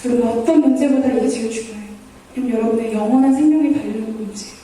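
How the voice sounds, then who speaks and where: A woman's voice: on the high side, racing, dark tone. A woman missionary preaching a sermon, earnest and pleading, acting out prayers in the first person. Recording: echoey hall from far off.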